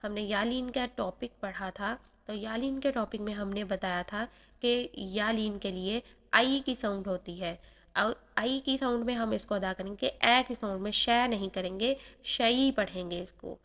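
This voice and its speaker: A woman teaching tajweed, explaining the pronunciation of each sound and demonstrating it slowly and carefully. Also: medium pitch, fairly bright tone. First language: Urdu. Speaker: Quran recitation teacher. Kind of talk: tajweed lesson.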